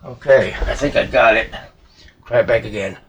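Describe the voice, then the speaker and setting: Amid the clicks and clatter of a busy workshop, a man mutters to himself as he tinkers, folksy and occasionally swearing mildly like a bench repair hobbyist. He speaks at normal speed in a mid-range voice, and the recording has its highs cut off.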